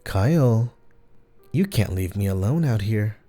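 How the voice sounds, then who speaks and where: A man voicing a creature that fakes a young woman's voice, at first sweet and calm, then spiteful and taunting. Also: fairly low pitch, a little slow, soft background music. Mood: coaxing. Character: door creature faking a young woman's voice, cruel.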